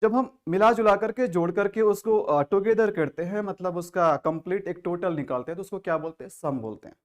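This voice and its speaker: A man's voice: high-pitched, fairly quick. A man with an Indian accent teaching English vocabulary in an exam-prep lesson, explaining step by step and answering his own questions.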